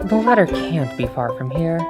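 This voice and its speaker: A woman's voice: low voice, expressive, moderate pace, over loud music. A woman playing a formal companion who loves tongue-twisting wordplay in an audio drama. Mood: playful. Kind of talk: musical audio drama acting.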